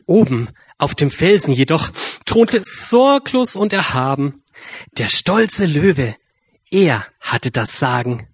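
A man reading a rhyming children's story aloud with a lively, drawn-out delivery. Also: fairly high pitch, breathy edge, dry recording.

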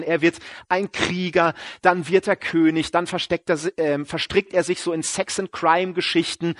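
A man preaching a sermon in a casual, slangy style, acting out what biblical figures say with lively asides. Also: high voice, no echo, clean studio sound.

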